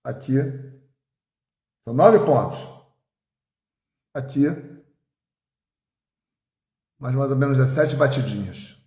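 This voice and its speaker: A male therapist leading a guided tapping exercise on a live stream, giving calm step-by-step instructions and slowly repeating affirmations. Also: mid-range voice, echoey room.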